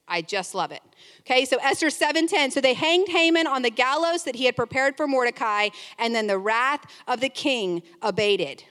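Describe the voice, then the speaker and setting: Woman preacher, sermon storytelling, high voice, lively asides, long hall reverb. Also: moderate pace.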